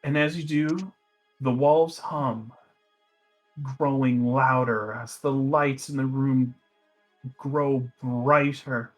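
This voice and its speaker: A man narrating a tabletop fantasy game as game master, halting and restarting his phrases as he describes. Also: medium pitch, fairly even intonation, soft background music.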